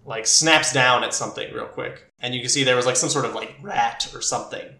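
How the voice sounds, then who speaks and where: A man's voice: medium pitch, a little fast, reverberant, heavy background noise. A man improvising scenes as game master of a tabletop game, in a casual, loosely hedged way. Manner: casual, hedging descriptions.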